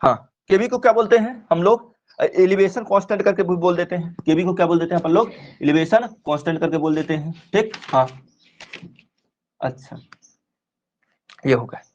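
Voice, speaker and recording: A man teaching a chemistry class online, his voice a touch high and recorded dull and lo-fi. He asks question after question and answers each one himself. He stretches out and repeats the key terms. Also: moderate pace, long pauses, darkish tone.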